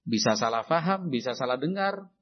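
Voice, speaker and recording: A man preaching a sermon on parenting, acting out shouted exchanges between parent and child in an animated way. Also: medium pitch, brisk. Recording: dull lo-fi recording.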